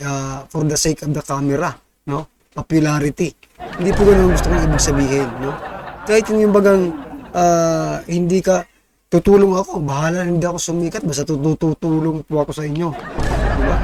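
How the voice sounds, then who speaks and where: A man's voice: a little high, darkish tone, a little hiss or hum. A man with a Filipino accent giving political reaction commentary, preachy, addressing listeners directly and tagging his points with questions.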